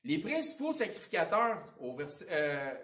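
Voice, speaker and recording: A man with a Quebec French accent preaching a sermon as pastor, with a conversational style, informal asides and big swings between loud and quiet. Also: on the high side, big pitch swings, moderate pace. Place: church sanctuary. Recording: roomy echo, voice picked up from a distance.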